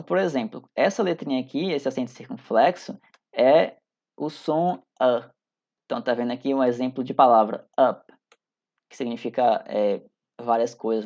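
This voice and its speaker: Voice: medium pitch, a little mellow. A teacher in their thirties with a Brazilian accent, giving a recorded class in an informal, chatty way, often hesitating and restarting sentences. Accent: Brazilian Portuguese. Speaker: English teacher. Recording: dull lo-fi audio.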